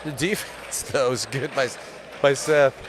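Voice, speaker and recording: A man's voice: medium pitch, unhurried. A man giving casual, analytical color commentary on air hockey, breaking down the plays and checking in with his partner. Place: tournament venue. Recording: noisy venue audio.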